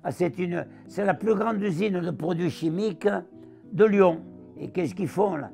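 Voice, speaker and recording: A man in his nineties with a southern French accent and a gravelly voice, telling his wartime memories as an interviewee and acting out the voices he quotes. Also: high-pitched, a little slow, faint music behind. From southern France. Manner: animated, acts out the voices he quotes. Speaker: interviewee, war veteran. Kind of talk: storytelling recollection.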